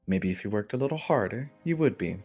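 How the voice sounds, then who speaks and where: Guy doing a snooty noble mom, cutting and loud, tabletop game. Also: lowish voice, lively intonation, fast, breathy edge, soft background music. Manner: scornful, cutting. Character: haughty scheming noblewoman mother.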